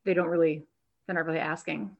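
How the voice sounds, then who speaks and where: Speaking fast in a low, level voice on a muffled recording, the burlesque performer and producer chats casually as an interview guest from home on a video call. She restarts sentences as she thinks, repeats words, and fills gaps with plenty of "um"s.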